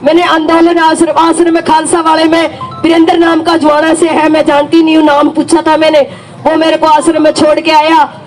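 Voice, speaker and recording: A woman's voice: sits high, completely flat delivery, fairly quick, low-quality recording. A middle-aged woman with a Haryanvi accent gives an emphatic first-person account of joining a protest, her voice rising at times. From Haryana, India. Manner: emphatic, rises to shouting when retelling. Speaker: farmer protest supporter.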